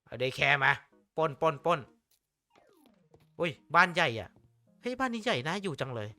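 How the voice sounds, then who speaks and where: Man, gamer, casual play-by-play, excitable, swears a lot, bright voice, soft game music. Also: a little high, brisk, vocal fry, no echo. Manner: excitable, swears freely, talks to himself. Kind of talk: casual gameplay commentary.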